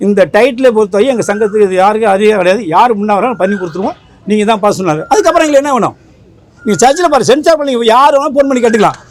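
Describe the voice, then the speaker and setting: A man who leads a film association, talking fast and with emphasis at a press interview, rambling and repeating himself. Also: sits high, expressive, slight background noise.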